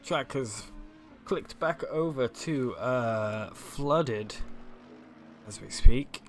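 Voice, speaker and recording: A man's voice: mid-range voice, extremely slow, slight background noise. Laid-back male co-commentator. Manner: laid-back, agreeing, short interjections. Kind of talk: live sim racing commentary. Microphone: home mic on a stream setup.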